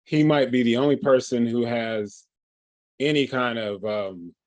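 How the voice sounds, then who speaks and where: A man running a livestreamed tabletop game as game master, halting and full of fillers and restarts. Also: mid-range voice, darkish tone, no room sound.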